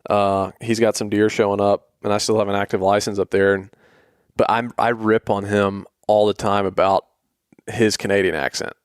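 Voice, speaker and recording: Low voiced joker guy from atlanta on a podcast, bantering, super dry mic. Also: moderate pace, clean tone, dry recording. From Atlanta, USA. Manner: joking, animated banter. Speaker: podcast co-host. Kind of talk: casual chat.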